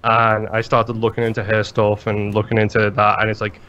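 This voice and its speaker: A man co-hosting a podcast in casual chat, rambling and animated, swearing freely. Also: on the low side, moderate pace, clear, resonant tone. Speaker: podcast co-host. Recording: slightly dull lo-fi sound.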